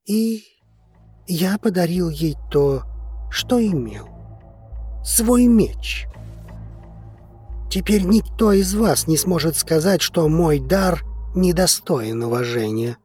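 A man's voice: fairly high pitch, animated, slow, long pauses, darkish tone, slightly rough, faint music behind, voice pushed up, full character voice. Man reading a defiant young fighter.

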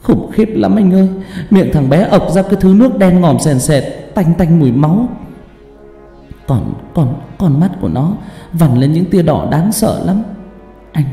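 A man's voice: fairly high pitch, sing-song, measured pace, mellow, pitched above the performer's own voice. A man voicing a panicked, tearful young woman. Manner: breathless, pleading rush. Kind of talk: horror story narration. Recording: echoey hall, long reverb, faint music.

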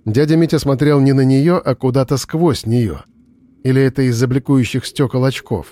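A man reading an audiobook narration in a steady, even storytelling voice. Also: mid-range voice, normal speed, no echo. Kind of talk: scripted narration.

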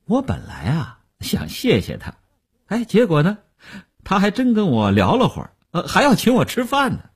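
A man's voice: mid-range voice, huge pitch swings, unhurried, pauses often, breathy edge, full character voice. A man reading a radio novel aloud, voicing a boastful, self-satisfied male stock speculator who chuckles and coaxes. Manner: bragging, chuckling, coaxing.

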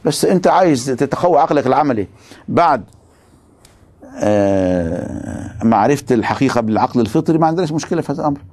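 A man's voice: medium pitch, expressive, fast, darkish tone. A man giving a religious philosophy lecture, emphatic and stopping often to ask his students rhetorical questions.

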